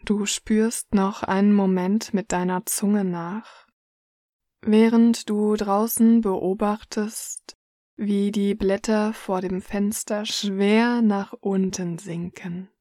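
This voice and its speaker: A woman reading a guided relaxation story in the second person, soft and hushed. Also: mid-range voice, fairly even intonation, slow pace, no echo, studio quality.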